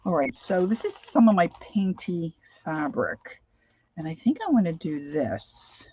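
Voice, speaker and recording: A dull, lo-fi recording of a middle-aged American woman with a lowish voice, chatting to livestream viewers. She rambles casually, and missing teeth give her speech a slight lisp. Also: sing-song, a little slow, warm tone, slight background noise. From Pennsylvania, United States. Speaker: craft livestream host. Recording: dull, lo-fi sound.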